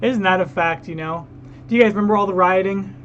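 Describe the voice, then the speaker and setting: A man's voice: high-pitched, quick pace, a bit bright, lo-fi sound, soft background music. A man hosting a reaction video, ranting heatedly and talking straight to his viewers. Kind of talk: casual reaction commentary.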